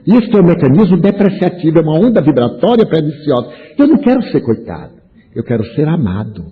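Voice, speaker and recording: A man in his seventies with a Brazilian Portuguese accent lectures an audience, turning points into playful stories and acted-out exchanges. His voice sits a bit high and swings widely in pitch. The sound is narrow and tinny, like a telephone line. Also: quick pace. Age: 70s. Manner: animated, humorous storyteller acting out dialogues. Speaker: spiritist lecturer.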